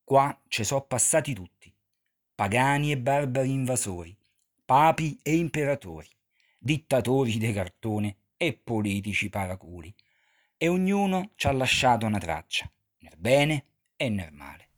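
A man's voice: medium pitch, sing-song, moderate pace. A man from Rome with a strong Romanesco accent, telling stories conversationally as an interview guest. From Rome, Italy. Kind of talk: conversational storytelling in dialect.

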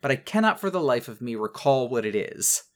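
A man in casual podcast chat, recapping a cartoon episode in animated detail with many fillers. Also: mid-range voice, fairly quick. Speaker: podcast co-host.

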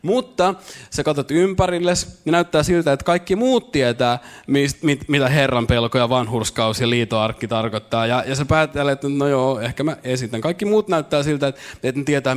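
A man's voice: mid-range voice, expressive. A young man preaching in a playful, way, with a style casual speech, repeating words as he builds each point. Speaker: pastor. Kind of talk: conversational sermon.

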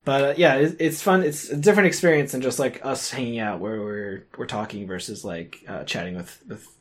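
A man's voice: mid-range voice, fairly quick. A man co-hosting a podcast in casual chat, hesitant, with many fillers and chuckles. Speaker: podcast co-host.

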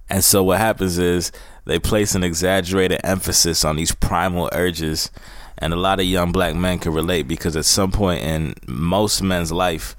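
Deep american guy doing a motivational podcast talk, really dry sound, young adult. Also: no echo. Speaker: podcast host.

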